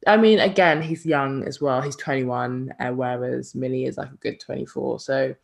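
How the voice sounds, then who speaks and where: A woman's voice: a bass voice, moderate pace, creaky. A young woman co-hosting a casual chat, chatty and agreeable, often saying "like" and "literally". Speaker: podcast co-host.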